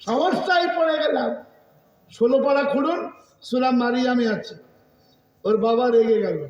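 A man preaches in a very high, piercing voice, acting out the story and shouting questions to his listeners. He sounds far from the mic in a big hall with a long, booming echo. The sound is dull and muffled. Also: normal speed. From India. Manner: calls out questions to the audience; animated, often shouting. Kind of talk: Islamic sermon, storytelling.

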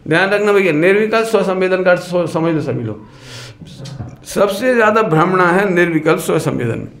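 A man giving a sermon in a lively, questioning way, who sometimes sings verse lines. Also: sits high, a little fast. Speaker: religious teacher. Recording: echoey hall with some noise.

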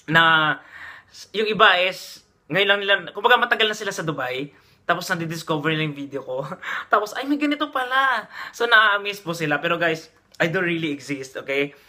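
Chatty man, bright high voice. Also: a little fast. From Philippines. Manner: chatty, addresses viewers as guys, frequent okay checks. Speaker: vlogger giving job tips. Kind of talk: casual chatty vlog. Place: Dubai.

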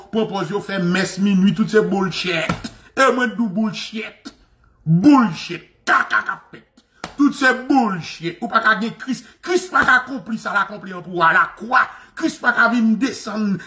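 A man with a Haitian accent in a fiery, mocking religious rant, repeating insults and shouting. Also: high-pitched. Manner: mocking, shouting, repetitive, laughing scornfully. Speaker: radio commentator.

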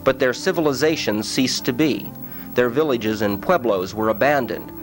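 A man's voice: medium pitch, faint music behind. Man narrating a history documentary. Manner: measured, explanatory storytelling. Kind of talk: scripted narration.

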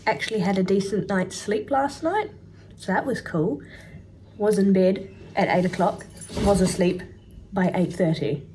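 A woman's voice: mid-range voice, measured pace. A young woman from New Zealand with a New Zealand accent, chatting upbeat into a phone held at arm's length in a casual cosplay vlog. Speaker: cosplay vlogger. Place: convention halls, car and hotel room. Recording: loud music and crowd noise. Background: loud music and convention crowd.

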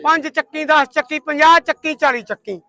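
A man's voice: extremely high pitch, fairly even intonation, normal speed, gravelly, sharp tone. A Punjabi man hosting livestock market videos, bargaining in a hearty, outspoken, bantering way.

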